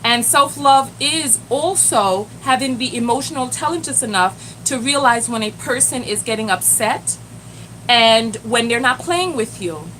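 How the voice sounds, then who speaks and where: A woman with a slightly high voice speaks unhurriedly over a rough recording with some hiss or hum. She hosts a live stream as a self-love coach, chatting animatedly, talking straight to her viewers' chat and exclaiming "Lord have mercy."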